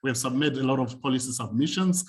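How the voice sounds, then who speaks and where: A man's voice: medium pitch, fast talker. A man from Zimbabwe, a community and youth work practitioner, speaking on a video call panel in a conversational, reflective storytelling manner. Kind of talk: panel talk, personal story.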